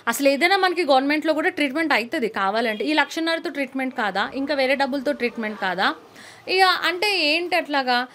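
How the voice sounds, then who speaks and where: Indignant high-voiced woman, rapid talk. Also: lively intonation, a bit bright, slight background noise. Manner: indignant, quotes others mockingly. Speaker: interview guest. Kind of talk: heated interview talk.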